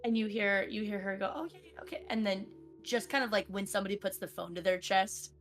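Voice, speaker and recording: A woman's voice: mid-range voice, little pitch movement, brisk, faint music behind. A woman narrating a tabletop game as game master, describing scenes steadily.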